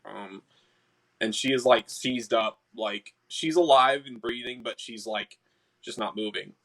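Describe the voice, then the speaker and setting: A man's voice: mid-range voice, a little slow, fairly bright tone. A man casually narrating as game master of a tabletop game, with lots of filler words. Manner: casual, filler-heavy, laughs often.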